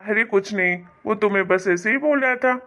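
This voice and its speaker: A woman's voice: medium pitch, normal speed, sharp tone, natural voice. A woman voicing a patient young husband in a cartoon story, soothing and apologetic.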